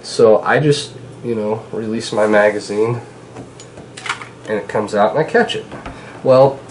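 At a measured pace, a gun channel host in his thirties rambles to viewers in a casual product vlog from his home kitchen, his fairly low voice stuffed up by a cold. He's relaxed and chatty, with plenty of "uh" and "you know". The poor audio comes from a camera across the table, with faint ambient hum.

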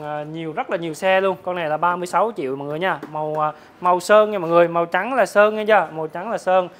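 A man, a motorbike dealer, giving a hard-sell promotional sales pitch to viewers, repeatedly rattling off prices. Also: a bit bright, slight background noise. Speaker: motorbike dealer presenting his stock. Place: large open-sided metal-roofed motorbike warehouse.

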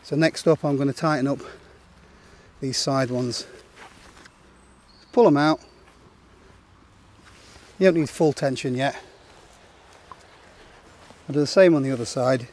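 A man in his forties calmly talking through a camping setup, step by step, in an open meadow outdoors. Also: mid-range voice, measured pace, pauses often. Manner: plain, matter-of-fact instructional talk. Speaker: outdoor gear vlogger.

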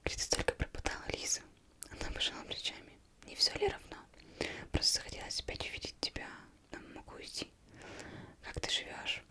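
A young woman reading a novel aloud as ASMR in a breathy, unvoiced whisper, very close, as if right in the listener's ear. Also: a little fast, sharp tone. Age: young adult. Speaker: ASMR reader. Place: indoors, plain studio backdrop. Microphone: close microphone.

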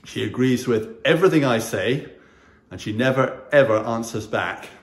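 A man in his sixties, a chaplain, giving a gentle, earnest chapel talk to pupils, recorded on a camera at mid distance in a small wood-panelled room. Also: medium pitch, normal speed. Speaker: school chaplain. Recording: roomy echo.

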